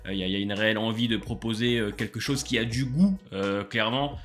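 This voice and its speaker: Young male vlogger, lowish voice, eager food-review chat with lots of fillers. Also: quick pace, a bit bright. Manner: enthusiastic, many filler "euh"s. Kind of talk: casual food review vlog.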